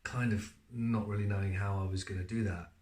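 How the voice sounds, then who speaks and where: A man's voice: fairly low pitch, brisk, echoey room. A man who is an actor, answering interview questions in a casual, chatty way with lots of fillers. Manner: relaxed, chatty storyteller with frequent fillers.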